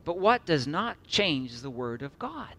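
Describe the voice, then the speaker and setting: A middle-aged man preaching a sermon, earnest and emphatic, slowing for repeated phrases and dropping suddenly soft. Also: a little high, very animated.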